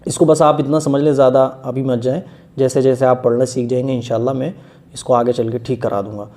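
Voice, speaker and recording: A man's voice: mid-range voice, flat delivery, mellow. A man teaching a beginners' Quran reading lesson, explaining letter sounds patiently and stretching each letter long in one breath.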